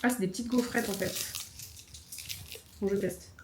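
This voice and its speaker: A little slow and steady at medium pitch, the young French travel vlogger talks to her handheld camera over some background noise. She's chatty and bubbly, leaning on "euh" and exclaiming "trop bon," with scenes outdoors and in a lakeside hotel room.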